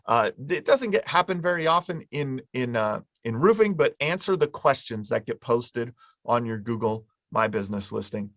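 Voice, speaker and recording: A man's voice: mid-range voice, lively intonation, normal speed, fairly bright tone, dry recording. Man teaching in a casual, dry voice. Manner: conversational, explains with hypothetical examples. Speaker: marketing presenter. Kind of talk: informal webinar teaching.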